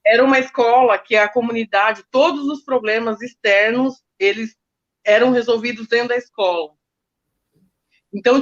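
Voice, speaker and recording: A woman teacher, recounting school stories in an emotional, animated way. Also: a little high, dull audio. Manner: emotional, animated retelling with quoted speech. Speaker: teacher guest. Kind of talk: storytelling in a casual interview.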